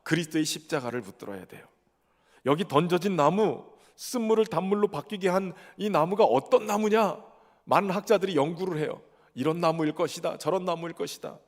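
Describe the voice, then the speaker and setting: A man's voice: high voice, fairly quick. A man preaching a sermon as pastor in a church sanctuary. He poses rhetorical questions and then answers them himself. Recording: long hall reverb.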